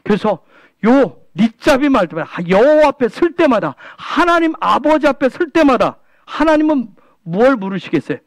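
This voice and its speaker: A man's voice: very high voice, big pitch swings, moderate pace, dry recording. A male pastor preaching a sermon, firing off rhetorical questions at the congregation and repeating key phrases for emphasis. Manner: keeps asking rhetorical questions and prompting the congregation with "응?".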